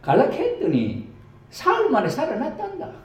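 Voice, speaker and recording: A man voicing a gossiping old country grandmother with a Gyeongsang dialect, chatty and exclaiming in a high put-on voice. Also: huge pitch swings, moderate pace, a little mellow, far from the mic, full character voice. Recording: roomy hall with faint hiss.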